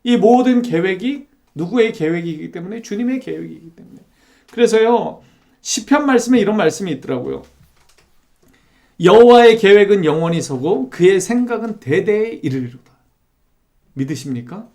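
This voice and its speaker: A man's voice: high voice, lively intonation, normal speed, vocal fry, dark tone. A male pastor preaching an expository sermon in a church, reading scripture aloud and asking the congregation questions. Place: church sanctuary.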